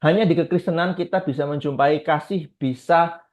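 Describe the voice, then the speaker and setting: A man's voice: a little high, normal speed, a little mellow. A man preaching a conversational sermon, asking his listeners rhetorical questions and often tagging his sentences with short fillers. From Indonesia. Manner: asks rhetorical questions, frequent filler tags. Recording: tinny phone-like audio.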